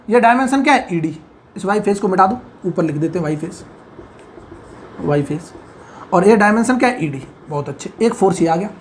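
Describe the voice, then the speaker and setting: High-voiced man teaching at a whiteboard. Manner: keeps asking if it is clear, praises himself with "very good"; repeats key terms, drops to a soft murmur on asides. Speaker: engineering tutor. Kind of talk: whiteboard lecture.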